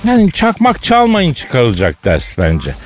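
Slangy radio guy, pitch jumps all over, mock-indignant joking around, soft music behind. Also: huge pitch swings, unhurried. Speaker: radio show host. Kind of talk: casual comedic banter.

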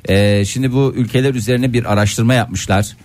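A man's voice: medium pitch, fairly even intonation, brisk, a little mellow. Man hosting a jokey radio chat. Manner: explains things and quizzes co-hosts playfully. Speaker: radio show host. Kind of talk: casual comic radio chat.

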